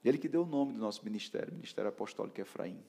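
A man preaching an emotional sermon, swinging from shouts down to hushed near-whispers. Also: fairly low pitch, expressive, rapid-fire, gravelly, breathy edge. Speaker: pastor.

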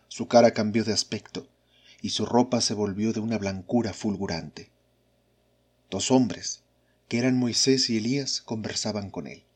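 A man reads a gospel passage in a slow, measured, solemn way. His voice sits low and sounds breathy and husky. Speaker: scripture reader. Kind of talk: scripture reading.

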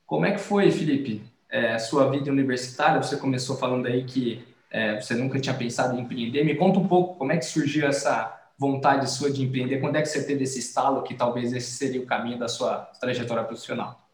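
Host: man of middle pitch, casual and friendly, frequent affirmations, recorded in a roomy, echoey space. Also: fast talker, hardly any pauses. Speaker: podcast host. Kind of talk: casual interview hosting. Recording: roomy echo.

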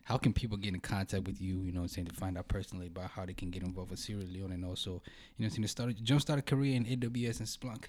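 A man's voice: low voice, fairly even intonation, racing, hardly any pauses, a little mellow. A man hosting a podcast, laid-back and chatty, often saying "you know what I'm saying". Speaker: podcast host. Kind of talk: casual podcast chat.

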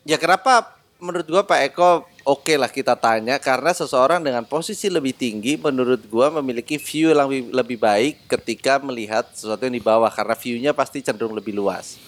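A man's voice: medium pitch, a little fast. A man hosting a casual podcast, joking and swearing as he asks questions. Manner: joking, swears, bursts into laughter. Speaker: podcast host.

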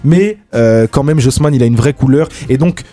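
A young man hosting a radio show, chatting casually about rap in quick, slangy speech with lots of restarts. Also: mid-range voice, mellow, faint music behind. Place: radio studio.

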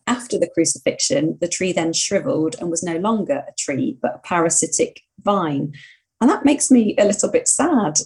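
A woman's voice: medium pitch, rough recording. A woman co-hosting a casual podcast chat, earnest and opinionated, at times getting mildly indignant. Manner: earnest, warmly opinionated, talks herself into mild indignation. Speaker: podcast co-host.

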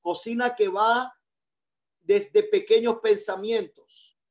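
A man's voice: high voice, slow pace, creaky, highs cut off. A male pastor preaching a sermon, leading call-and-response and repeating key phrases for emphasis.

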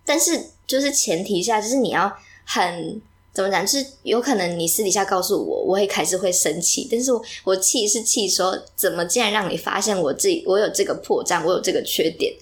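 This is a young woman who talks very fast in casual chat. She tells animated stories and fills her speech with plenty of fillers. Her pitch sits in an ordinary middle range. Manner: animated storyteller, heavy use of fillers.

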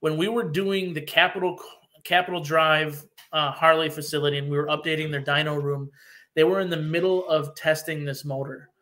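A man from Wisconsin talks as a podcast guest. His voice sits a touch high, and he explains things earnestly and at length, often restarting his sentences. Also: fairly even intonation, brisk, sharp tone. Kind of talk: casual podcast chat.

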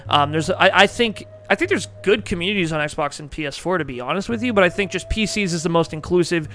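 A man's voice: sits high, lively intonation, fast, a bit bright. A young man hosting a podcast in casual chat, rambling, laughing often and swearing casually. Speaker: podcast host.

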